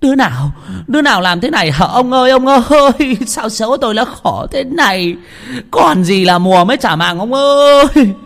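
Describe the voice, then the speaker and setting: A man voicing a rich landowner's wife in a ghost story, pleading and lamenting in a shrill voice. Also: big pitch swings, normal speed, dark tone. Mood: wailing. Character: wailing middle-aged rich landowner's wife.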